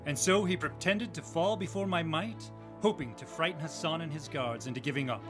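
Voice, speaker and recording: A man's voice: fairly high pitch, a little fast, music in the background, natural voice. A man playing a noble, defiant adventurer sailor in a radio drama, speaking in a grandiose, formal way. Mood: defiant, dramatic. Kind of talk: radio drama acting and storytelling.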